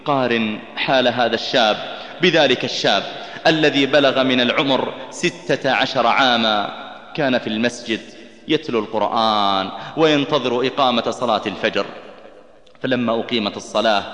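A man preaching an emotional sermon, telling stories with rising passion and chanting scripture in a melodic recitation. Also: fairly bright tone. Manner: impassioned, voice climbing high and tense at dramatic peaks. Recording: echoey hall with long reverb.

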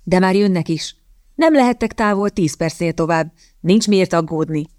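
A woman's voice: on the low side, a little mellow, no echo, clean studio sound, lightly acted. A woman reading the part of a young army captain who complains defensively, then offers reassurance.

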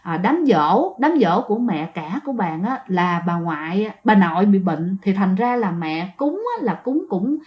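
A woman tells ghost stories in a chatty manner, frequently addressing her listeners directly. Her medium-pitched voice is animated, with a measured pace and few pauses, captured on a dull lo-fi recording.

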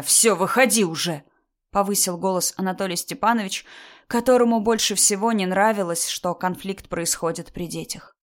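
A woman narrating a story aloud, reading it in an even, measured way. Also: lowish voice.

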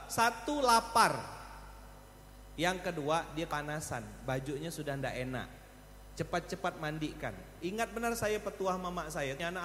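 High bright-voiced Pontianak Malay preacher, echoey hall. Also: male voice. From Pontianak, West Kalimantan. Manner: animated storytelling, playful with the crowd. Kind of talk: humorous sermon. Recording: echoey hall with faint noise.

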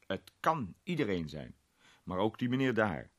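A man voicing Mr Redwood, a nosy middle-aged pub guest who is quick to joke. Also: lowish voice, sing-song, voice pushed up. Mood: teasing.

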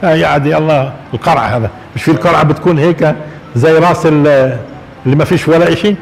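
A man's voice: a little high, quick pace, gravelly. A man delivers a religious lecture. He keeps asking his audience questions and chuckles between points. His voice rings through a reverberant hall over a faint hiss. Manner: asks the audience rhetorical questions and chuckles often.

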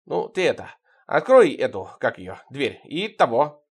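A man's voice: medium pitch, very animated, measured pace, slightly rough, full character voice. A man reading an audiobook, voicing a rude, dim-witted mafia thug who keeps fumbling for words. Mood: gruff, fumbling.

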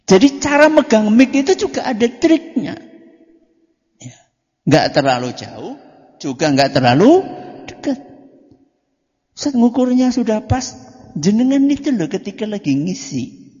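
Lively high-voiced preacher. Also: male voice, unhurried, pauses often. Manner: asks the audience questions and answers them himself, joking; swings between loud and soft delivery. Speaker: Islamic preacher. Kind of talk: religious study lecture. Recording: dull lo-fi recording in a reverberant hall.

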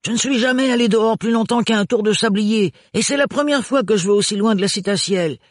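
A man's voice: sits high, quick pace, dry recording, clean studio sound, voice pushed up. A man voicing a big, good-hearted male servant with blunt, folksy working-class speech. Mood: hearty.

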